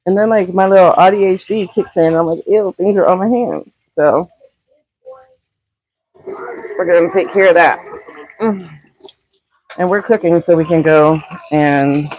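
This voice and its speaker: Husky-voiced woman coaching while cooking. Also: deep voice, darkish tone, muffled recording. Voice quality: husky morning voice. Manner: chatty, coaching, addresses viewers as y'all. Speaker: brand coach. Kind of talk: casual vlog talk while cooking. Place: home kitchen, cooking.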